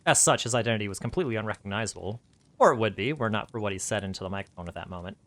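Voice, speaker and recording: Bright-voiced man reading a story. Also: lowish voice, very fast. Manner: animated, laughs at his own asides. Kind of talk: reading his own story aloud.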